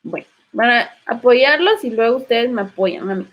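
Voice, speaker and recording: A woman's voice: fairly high pitch, expressive, normal speed, lo-fi sound. A woman with a Guatemalan Spanish accent teaching literature in an online class, patiently prompting students with questions.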